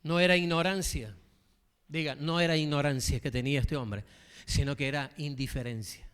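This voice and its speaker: A man's voice: a little high, fairly even intonation, moderate pace, a bit bright, clean tone. A man preaching a sermon as pastor, asking the congregation questions and telling a story from his workplace. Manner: storytelling, addresses the congregation directly.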